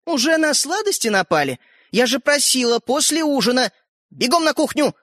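A man voicing a brisk, scolding mother in a storybook reading. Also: high voice, a bit bright. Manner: brisk, commanding.

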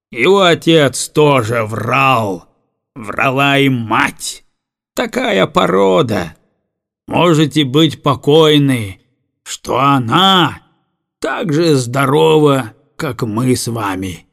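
A man voicing a drunken, blunt male coal carter who talks slowly and loudly, blustering. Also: medium pitch, animated, vocal fry, full character voice.

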